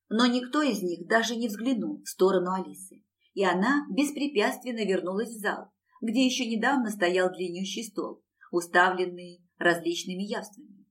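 A woman's voice: medium pitch, fairly bright tone, recorded from a distance. A woman reading a fantasy novel aloud as an audiobook, giving the characters voices as she goes. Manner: reads with acted character voices. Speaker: audiobook narrator. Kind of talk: scripted narration of a fantasy novel.

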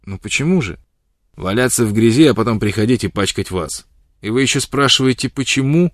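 A man playing a gruff, blunt old frontiersman who talks loudly and insistently. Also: mid-range voice, expressive, fairly quick, dry recording, clean studio sound, lightly acted.

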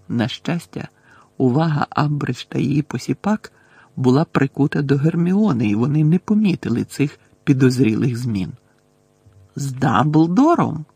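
A man narrating an audiobook with an expressive, dramatic reading. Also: a little high, moderate pace, gravelly, husky, dry recording.

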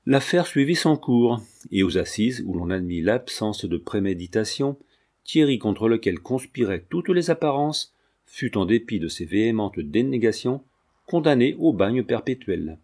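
A man reading a classic novel aloud as a measured, dramatic audiobook narration. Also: lowish voice, sing-song, darkish tone. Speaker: audiobook reader.

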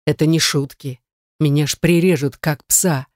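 A woman's voice: low-pitched, fairly even intonation, normal speed, darkish tone, dry recording, lightly acted. Brief: menacing young ex-boyfriend, icy, taunting, read by a woman narrator, audiobook, dry. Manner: icy, contemptuous, threatening.

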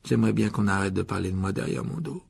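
A man with a gravelly voice reading a storybook and voicing a touchy, self-pitying ghost schoolgirl with a tearful, whiny tone. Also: medium pitch, huge pitch swings, unhurried, mellow, pitched above the performer's own voice, exaggerated voice. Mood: sulky.

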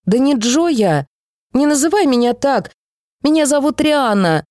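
A woman's voice: high voice, big pitch swings, a little slow, a little mellow, no room sound, clean studio sound, pitched above the performer's own voice. A woman reading the part of a young one-armed girl who pleads and speaks through tears. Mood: indignant.

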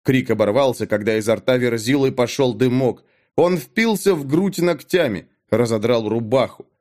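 A man reading an audiobook story aloud with a dramatic, expressive delivery. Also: medium pitch, moderate pace. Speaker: narrator. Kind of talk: audiobook narration.

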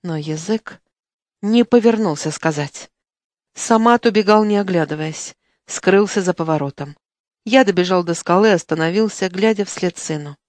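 Woman audiobook narrator, expressive read, dead-dry studio booth. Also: lowish voice, normal speed, no echo. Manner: expressive, acts out dialogue. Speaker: audiobook reader. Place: recording studio. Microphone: studio microphone.

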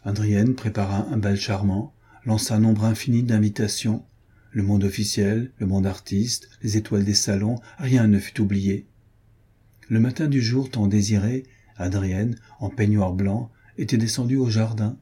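A man reading a novel aloud in measured, composed scripted narration. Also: fairly low pitch, steady tone, dark tone, slightly rough. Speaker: audiobook narrator.

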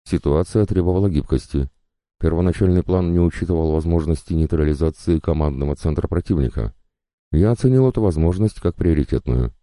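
A man voicing a male android impostor who speaks in a flat, matter-of-fact way. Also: very deep voice, fairly quick, no echo, studio quality. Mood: detached.

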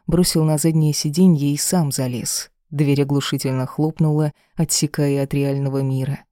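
A woman's voice: low-pitched, steady tone, normal speed, dark tone, dry recording, clean studio sound. A woman narrating a first-person story as an audiobook reader, in an emotional, dramatic reading.

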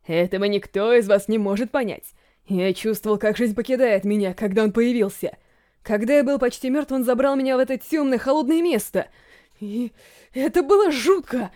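A woman's voice: on the high side, moderate pace, mellow, close to an everyday voice. Panicked male captive on the edge of hysteria, sobbing pleas, a woman reader voicing him. Audiobook. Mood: hysterical. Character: terrified captive man, hysterical assassin.

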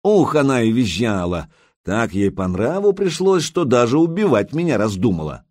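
A man playing a young warrior prince who speaks in a gruff, curt and mocking way. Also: mid-range voice, sing-song, normal speed, a little mellow, dry recording, studio quality.

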